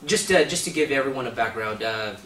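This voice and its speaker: Chatty yet hesitant, this Filipino-accented host leads a casual talk show interview, filling pauses with uhs and slipping into Tagalog. He has a mid-range, expressive, slightly bright voice and talks a little fast. Recorded from a distance, the audio is roomy with faint hiss.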